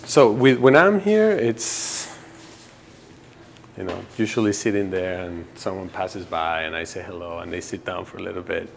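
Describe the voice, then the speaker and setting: A man's voice: low voice, normal speed, gravelly, a little hiss or hum. A man in his twenties from Ecuador, casually rambling with fillers while giving a campus tour as a graduate student. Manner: rambling, relaxed, many fillers and restarts. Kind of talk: casual documentary interview.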